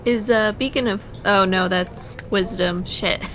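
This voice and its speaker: A woman chats casually as a player in a tabletop game. Her voice is of medium pitch and her delivery is informal and conversational. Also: fairly even intonation, unhurried, fairly bright tone.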